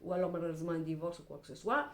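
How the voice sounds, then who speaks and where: A middle-aged woman doing a casual tarot reading to camera. She talks bluntly and swears, with lively swings in pitch and frequent verbal tics. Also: very fast. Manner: animated, blunt and salty, with repeated "hein" and "voilà". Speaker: tarot card reader. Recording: echoey room.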